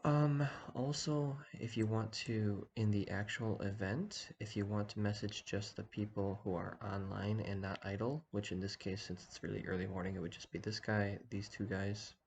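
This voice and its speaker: A man talking quietly in the early morning so as not to wake anyone, giving a casual screen-share walkthrough. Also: on the low side, steady tone, normal speed, gravelly, few pauses, a little hiss or hum. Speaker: online community organizer giving a tutorial.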